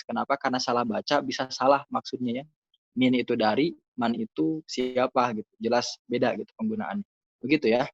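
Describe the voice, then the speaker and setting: An Arabic grammar teacher, a man with a middling pitch, walks through grammar answers in a patient, casual, chatty way. He leans on lots of little fillers, including "gitu ya", as he explains. The sound is close, dull and dry, with no room echo.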